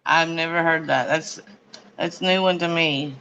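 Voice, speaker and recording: A woman's voice: low-pitched, fairly even intonation, normal speed, a bit bright, a little hiss or hum, low-quality recording. A woman joining a livestream as the host's spouse, friendly and affectionate. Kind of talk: casual livestream chat.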